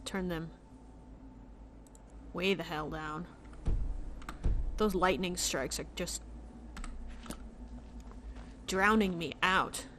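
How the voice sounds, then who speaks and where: A woman's voice: on the low side, a bit bright, slight background noise. A woman doing casual let's play commentary on a video game, talking into a close microphone. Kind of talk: casual gameplay commentary, reading dialogue choices aloud. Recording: game music and battle sounds behind.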